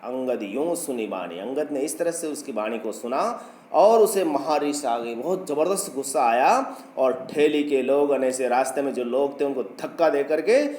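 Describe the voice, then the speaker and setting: A male teacher giving a lecture that explains poetry line by line, reciting the verses slowly. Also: mid-range voice, darkish tone. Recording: roomy echo.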